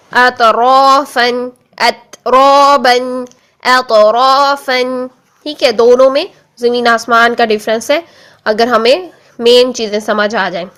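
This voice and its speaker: A woman teaching Quran recitation, explaining calmly and repeating letter sounds again and again for practice. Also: on the high side. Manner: explains slowly, drills letter sounds with many repetitions; stretches demonstration words very slowly. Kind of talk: tajweed lesson.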